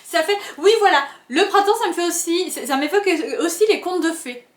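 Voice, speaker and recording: Young woman chatting about books, high voice, kinda echoey room, rambly and jokey. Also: fairly quick. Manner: chatty, rambling, self-mocking. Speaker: book vlogger. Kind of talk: casual book recommendations.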